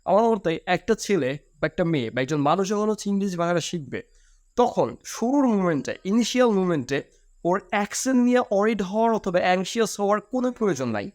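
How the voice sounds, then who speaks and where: A man's voice: high-pitched, big pitch swings, a little fast, a little mellow, no room sound, clean studio sound. A man, giving a chatty spoken lesson as an English teacher and correcting himself as he goes. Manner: chatty, self-correcting, addresses listener as brother. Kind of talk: casual spoken lesson to camera.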